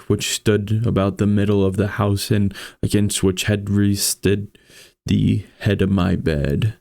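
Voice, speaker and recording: A man with a gravelly voice reads a horror story aloud as a streamer, with casual, foul-mouthed commentary. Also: lowish voice, warm tone, dry recording, clean studio sound.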